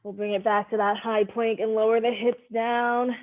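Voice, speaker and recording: Casting: female online HIIT coach with a higher-than-average voice, instructing in brief directive cues and counts, heard through narrow, phone-quality audio. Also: little pitch movement, moderate pace. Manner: directive, short clipped cues. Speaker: fitness instructor leading a live online HIIT class. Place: live online video class.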